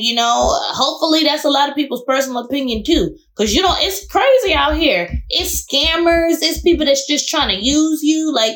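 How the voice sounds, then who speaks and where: A woman co-hosting a casual chat podcast, giving firm opinions in drawn-out phrases. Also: sits high, a bit bright. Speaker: podcast co-host.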